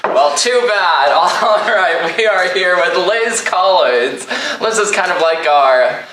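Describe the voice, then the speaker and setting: A young man hosting a casual interview show, upbeat and chatty, quick to laugh. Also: sits high, noisy background. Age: young adult. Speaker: talk show host. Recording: echoey room, mic at a distance.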